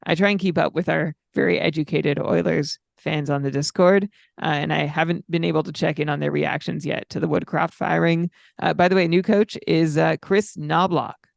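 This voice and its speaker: A man co-hosting a fantasy hockey podcast in casual chat, reeling off statistics in a measured way. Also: a little high, steady tone, gravelly, dry recording, studio quality. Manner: stat-heavy, measured, frequent fillers. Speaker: podcast co-host.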